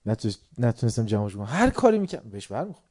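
Speaking in a fairly low, very animated voice, this warm-toned preacher from Tehran addresses a live crowd in a sermon. The religious lecturer keeps questioning his audience, drifting from soft reflection into abrupt loud outbursts.

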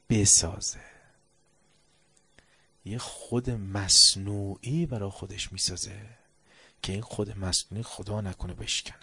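Hushed male preacher telling a story. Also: husky. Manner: storytelling, low and hushed on reflective passages. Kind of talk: sermon.

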